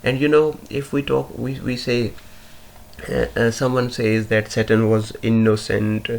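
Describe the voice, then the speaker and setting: Slow, gravelly-voiced man teaching poetry. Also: mid-range voice, level tone. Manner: hesitant, many fillers and self-corrections. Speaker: literature teacher. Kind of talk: informal poetry analysis lesson.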